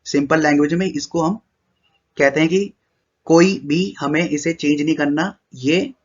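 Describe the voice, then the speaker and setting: A man teaching English grammar in a Hindi-English mix, spelling words letter by letter and slowing down for the examples. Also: fairly high pitch, lo-fi sound. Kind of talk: explanatory lesson in Hindi mixed with English.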